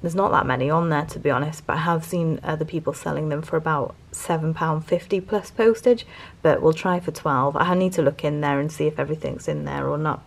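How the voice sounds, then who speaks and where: A woman's voice: deep voice, fairly quick, creaky. A British woman giving casual haul commentary as a reseller vlogger, talking in a hesitant, rambling way.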